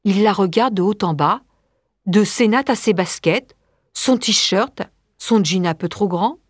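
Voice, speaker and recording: A woman narrating an audiobook story, reading slowly, clearly and deliberately. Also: mid-range voice, no room sound, clean studio sound.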